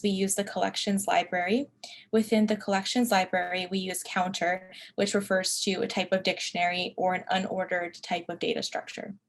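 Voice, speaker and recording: Woman reading a technical presentation. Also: mid-range voice. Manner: even, scripted explanatory delivery. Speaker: conference co-presenter. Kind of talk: read academic presentation.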